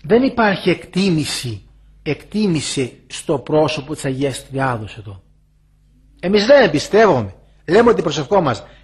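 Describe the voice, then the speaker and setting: Older male elder preaching, husky, high and lively, hammering questions at his listeners. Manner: preaching with rhetorical questions and emphatic repetition. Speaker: monastic elder. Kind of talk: sermon.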